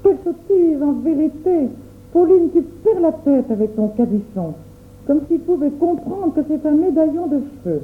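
A woman playing a stern, quick-tempered mother who scolds in an imperious way. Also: sits high, big pitch swings. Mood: scolding. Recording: tinny phone-like sound, roomy echo.

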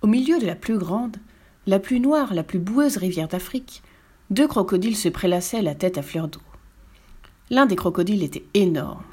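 Woman, storyteller, storybook read-aloud, expressive, lively, mid-pitched. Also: normal speed, husky.

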